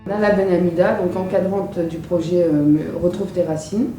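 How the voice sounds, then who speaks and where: A woman who directs a youth center, speaking earnestly and haltingly in a group discussion. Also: fairly low pitch, steady tone, dark tone, soft background music. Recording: distant echoey room with noise.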